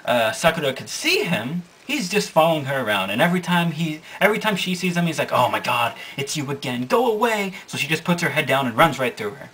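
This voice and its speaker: A man's voice: a little high, sing-song, fast, hardly any pauses, sharp tone, far from the mic, rough recording. Young man rambling through a plot recap. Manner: rambling, self-correcting, amused. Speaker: manga reviewer.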